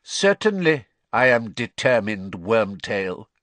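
A man voicing a frail, cruel dark wizard lord in an audiobook, with a soft, breathy hiss and a contemptuous, imperious manner. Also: mid-range voice, sing-song, a little slow, no room sound, pitched above the performer's own voice. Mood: cold menace.

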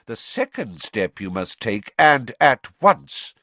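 A man voicing a calm, commanding old wizard headmaster who speaks coolly and with measured authority. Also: medium pitch, no echo, voice pushed up. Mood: grave. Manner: cool, measured.

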